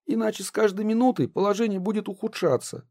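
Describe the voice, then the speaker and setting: A man's voice: high voice, fast talker, a little mellow, dry recording, studio quality, voice pushed up. A man reading a storybook, voicing a cocky boy who leads a gang and gives blunt orders. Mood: brash. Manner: brash, ordering.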